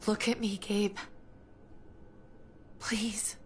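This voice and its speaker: An actress playing an injured, tender woman in a video game, with a breathy, gravelly voice and a soft, pleading manner. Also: medium pitch, flat delivery, very slow, slight background noise. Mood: sad.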